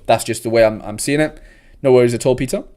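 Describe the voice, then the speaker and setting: Talking fast in a mid-range, darkish voice, this young man from South Wales hosts a relaxed livestream with a South Welsh accent. He's chatty and easygoing with his viewers, saying "mate" a lot.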